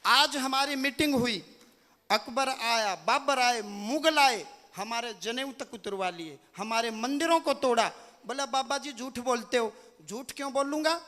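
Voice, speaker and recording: A man with a Haryanvi accent giving an impassioned religious speech at a gathering, declaiming in fervent bursts that rise to loud peaks. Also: very high voice, measured pace. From India. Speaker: religious leader. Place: hall at a gathering. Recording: long hall reverb.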